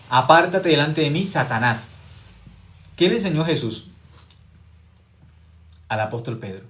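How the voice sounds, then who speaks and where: A man preaching a sermon with forceful rising stresses that drop to hushed low tones and drawn-out key words. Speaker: pastor.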